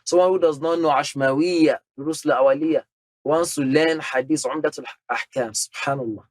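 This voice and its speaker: A man's voice: on the high side, moderate pace, no echo. A man giving a religious lecture, speaking emphatically, laying out numbered points and sprinkling in Arabic terms. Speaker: Islamic teacher.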